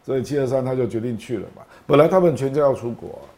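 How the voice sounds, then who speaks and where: A man's voice: mid-range voice, lively intonation, racing, warm tone. A man with a Taiwanese accent giving casual political commentary as a guest, colloquial and emphatic, with particles closing his phrases.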